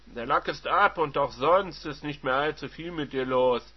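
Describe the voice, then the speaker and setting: A man voicing a callous, contemptuous manager husband who sneers and provokes loudly, on a dull lo-fi recording. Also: fairly high pitch, normal speed, slightly rough.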